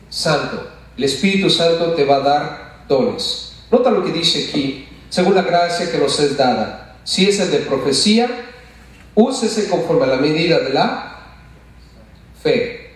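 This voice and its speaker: Man preaching in an echoey church. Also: on the high side. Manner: asks the congregation questions, calls them brothers. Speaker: pastor. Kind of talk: sermon. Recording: echoey church sound from far off.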